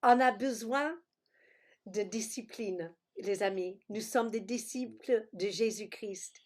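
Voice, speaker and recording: Slow-spoken woman preaching over a video call. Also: mid-range voice. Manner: slow, searching for words, exclaims alleluia. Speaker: pastor.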